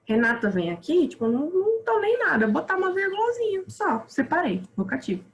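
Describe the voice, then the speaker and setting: A woman teacher with a Brazilian Portuguese accent, giving a quick, informal grammar review with lots of self-interruptions. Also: very high voice, big pitch swings, poor audio. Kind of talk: online grammar review lesson.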